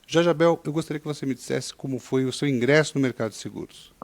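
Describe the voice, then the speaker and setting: A man interviewing a guest, slow and soft-spoken, asking formal questions. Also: medium pitch.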